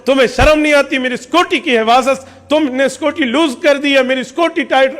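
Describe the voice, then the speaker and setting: A man's voice: very high voice, a bit bright, long reverb tail, pitched above the performer's own voice. A man acting out an angry, arrogant fortress chief who scolds his guard in a sermon story. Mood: scolding.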